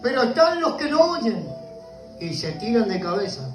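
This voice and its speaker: A pastor with a Rioplatense Spanish accent preaches a passionate sermon in a church, repeatedly calling his listeners brother. His voice is very high, with big pitch swings, at a normal speed. The low-quality recording has an echoey room and soft background music.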